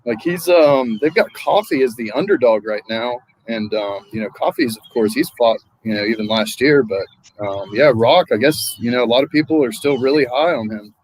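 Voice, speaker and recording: A man in a casual boxing chat, thinking aloud with many pauses and ums. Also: medium pitch, slight background noise, low-quality recording.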